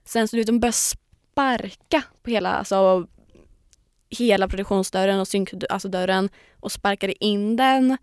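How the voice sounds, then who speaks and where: A woman's voice: mid-range voice, clean tone, no room sound, studio quality. A young woman chatting on a podcast as a guest, animatedly telling a story, acting out quotes and swearing casually. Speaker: podcast guest, former reality show contestant.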